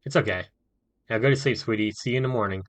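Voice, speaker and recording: A man voicing a gentle, caring mother of a teenager in a soft, soothing way. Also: medium pitch, fast talker, dry recording, natural voice.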